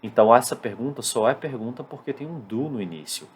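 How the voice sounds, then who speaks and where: A Brazilian man with a Brazilian Portuguese accent, his pitch mid-range for a man, teaching a beginners' English lesson at a whiteboard. He explains things step by step and slows right down to sound out each English example sentence. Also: expressive, a little mellow, a little hiss or hum. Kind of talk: classroom-style lesson at a whiteboard.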